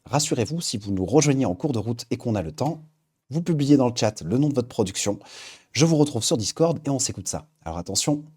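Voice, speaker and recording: A man hosting a live stream in a casual, chatty way, reading out viewer names and filling pauses with frequent hesitations. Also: medium pitch, expressive, dark tone, husky. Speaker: livestream host. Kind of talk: casual livestream chat.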